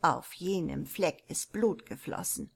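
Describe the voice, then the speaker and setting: A woman reading the part of an old housekeeper who speaks softly in an old-fashioned, mysterious way. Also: low voice, animated, measured pace, creaky, breathy edge, exaggerated voice. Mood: hushed, eerie. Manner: soft, hushed, old-fashioned.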